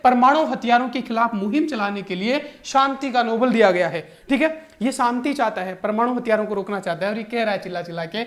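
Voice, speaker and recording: A man, teaching exam current affairs through jokey mnemonics in an animated, playful way. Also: extremely high pitch, fairly quick, hardly any pauses. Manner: animated and joking, keeps calling the viewer brother. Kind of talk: comic mnemonic lesson.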